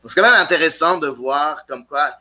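A man's voice: fairly high pitch, brisk, bright, forceful tone. A man from Canada, a guest explaining things eagerly in a casual interview. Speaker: guest soccer blogger.

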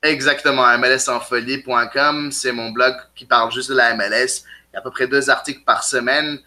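A man's voice: mid-range voice, fairly even intonation, fairly quick, pushed and bright. A man from Canada, a guest explaining things eagerly in a casual interview. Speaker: guest soccer blogger.

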